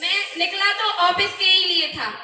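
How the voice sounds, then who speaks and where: A woman's voice: very high-pitched, steady tone, moderate pace, pushed and bright, a little hiss or hum, full character voice. A woman acting a kind young son-in-law who takes in his wife's mother, earnest and pleading, on an amateur stage, recorded from far off in an echoey hall. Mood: defensive.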